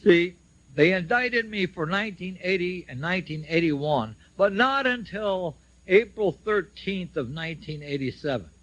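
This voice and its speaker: Heard on a dull, lo-fi shortwave radio recording, an older man speaks at a symposium about his legal case, using short, emphatic statements. His voice sits high and a bit bright, animated at normal speed, and the recording is dry.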